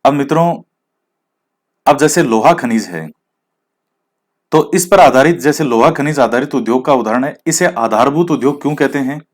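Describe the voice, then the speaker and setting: A male teacher gives an exam-prep lecture at a steady, middle pitch. He explains a point, then turns it into a question and answers it himself, slipping English words into the talk. He is open about the rustic edge of his pronunciation. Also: moderate pace, pauses often. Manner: mixes English words into Hindi.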